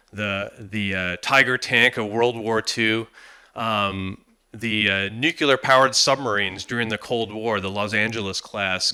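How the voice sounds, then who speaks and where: An American man in his fifties giving a formal conference presentation, halting, with frequent pauses and repeated words. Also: mid-range voice, bright, forceful tone, clean tone. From United States. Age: 50s. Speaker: conference speaker, defense industry executive.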